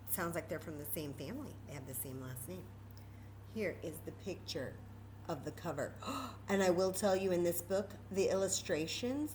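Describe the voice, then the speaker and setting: A woman with a low-sitting voice hosts storytime for children, and there's noise in the background. She's American, from Texas, and she speaks expressively to her young audience, mixing the reading with friendly asides.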